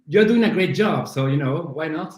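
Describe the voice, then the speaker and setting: With a fairly high pitch and lively intonation at normal speed, a middle-aged Argentine man chats in a casual podcast interview. He's the guest, a CrossFit coach and native Spanish speaker with an Argentine accent, who keeps restarting and running himself down; the room echoes noticeably.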